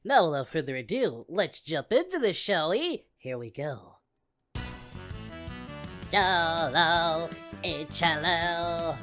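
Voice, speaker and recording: A woman voicing Goku, a cheerful, goofy adult male martial-arts hero, in an excitable in-character reaction commentary that shouts at the screen. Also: lowish voice, slow, pauses often, faint music behind. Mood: upbeat. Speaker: reaction video host.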